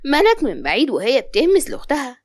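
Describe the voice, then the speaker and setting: A woman with an Upper Egyptian accent narrating a dramatized story in a brisk, matter-of-fact way. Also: high-pitched, huge pitch swings.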